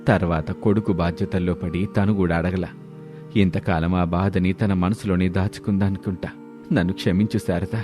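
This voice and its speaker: Man voicing a soft-spoken older father-in-law, deep, quiet, apologetic, cartoon story, faint music. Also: fairly even intonation, normal speed, close to an everyday voice. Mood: regretful.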